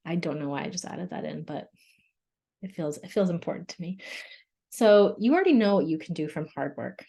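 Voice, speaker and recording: Candid woman coach, low mellow voice. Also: expressive, a little fast. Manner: candid, laughing, tearful at times. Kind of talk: webinar talk.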